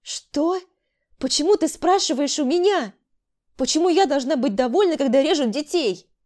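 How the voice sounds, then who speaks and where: A woman voicing a frightened, defensive younger sister who pleads and protests in a shrill voice. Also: animated, a little slow, warm tone. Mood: indignant.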